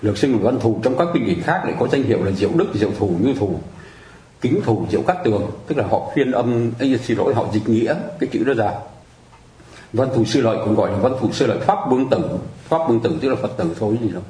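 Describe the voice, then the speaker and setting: Man, Buddhist teacher, patient and chatty explainer, low relaxed voice, roomy echo. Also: fast. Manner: patient, explanatory, keeps asking listeners to agree. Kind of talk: conversational teaching on mudras and mantras.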